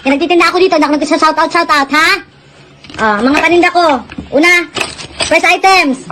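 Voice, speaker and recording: Woman, very high voice, bossy live-seller patter with faint hiss behind. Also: brisk. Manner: scolding, bossy sales patter. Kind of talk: comic live-selling skit.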